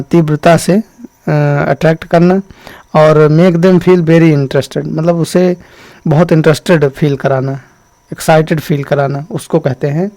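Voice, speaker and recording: A man teaching an exam-prep vocabulary lesson. He explains step by step, checks in often, and reads the English definitions slowly. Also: a little high, warm tone, dry recording. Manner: explains step by step, keeps saying "ṭhīk" to check in.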